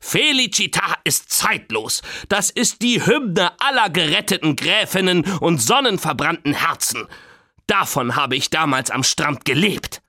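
A man's voice: fairly high pitch, expressive, unhurried, pushed and bright, no room sound, studio quality, pitched above the performer's own voice, heavily acted. A male narrator voicing an old grandfather, theatrical and easily indignant.

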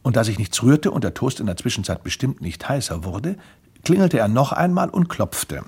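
Male storybook narrator, gravelly and husky, very lively pitch. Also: moderate pace. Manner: lively, expressive reading. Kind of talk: storybook reading.

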